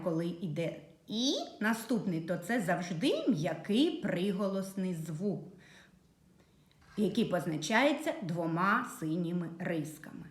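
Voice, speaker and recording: A woman teacher giving a slow, patient reading and writing lesson to young children. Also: medium pitch, fairly bright tone, roomy sound. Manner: slow, clear, patient dictation to young pupils. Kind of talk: early literacy lesson for children.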